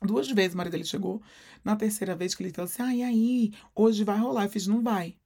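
Husky-voiced Brazilian man, animated storyteller. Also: high-pitched, fast. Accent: Brazilian Portuguese. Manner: animated storyteller, acts out quotes. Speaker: podcast co-host. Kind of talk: casual chat.

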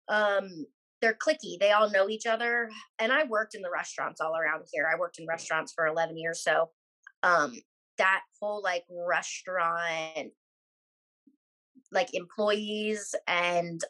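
Woman in her twenties, from Philadelphia, podcast guest, casual rambling chat, bright voice. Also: lowish voice, poor audio. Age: 20s. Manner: chatty, rambling, lots of fillers.

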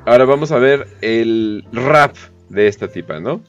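A man's voice: medium pitch, a little slow. A man with a Mexican accent hosting a podcast, giving slangy, profane, joking commentary on the news with lots of fillers. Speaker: podcast host. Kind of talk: casual comedic news commentary. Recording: dull lo-fi podcast audio, faint music.

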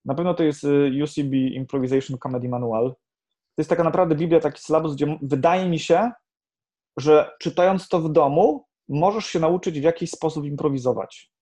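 A man who teaches improv, talking in a casual podcast chat, animated, swearing now and then and restarting his sentences. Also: a little high, brisk.

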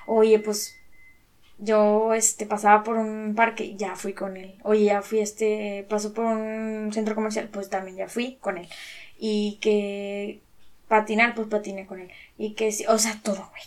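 A young woman with a Mexican Spanish accent tells a personal story in a casual chat, her mid-range voice delivered flatly. She uses lots of slang, swears readily, and acts out what people said.

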